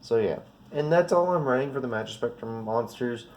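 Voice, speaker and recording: Medium-pitched, expressive and brisk, this trading card creator's slightly mellow, sniffly voice comes with a faint hiss or hum. He gives a loose, rambling deck walkthrough, often correcting himself.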